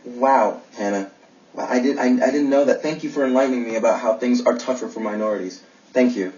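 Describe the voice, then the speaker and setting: A man's voice: medium pitch, animated, normal speed, natural voice. An actor playing a prickly, sarcastic young boyfriend who is set in his views and stammers through restarts. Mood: dry, sarcastic. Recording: distant, dull TV soundtrack.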